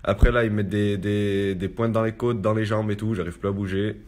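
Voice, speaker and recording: A young man tells his story in a rapid, low-pitched voice. He speaks in loose street slang and keeps coming back to fillers as he talks. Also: flat delivery, darkish tone. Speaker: storyteller recounting a personal ordeal. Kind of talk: casual spoken testimony.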